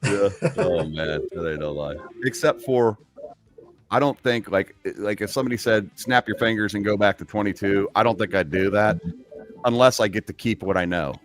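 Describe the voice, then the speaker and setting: Fifty-something guy hosting a stream, kinda low voice, chill drawl, lots of "dude" and "man". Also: moderate pace, faint music behind. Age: 50s. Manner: laid-back, drawling, calls people man and dude. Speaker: stream host. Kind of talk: casual chat on a charity livestream.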